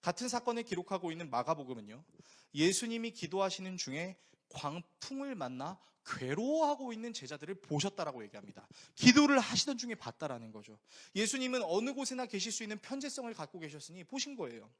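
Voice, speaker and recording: Animated male preacher telling stories. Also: high-pitched, quick pace. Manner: lively storytelling with rhetorical questions to the congregation. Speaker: pastor. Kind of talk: sermon.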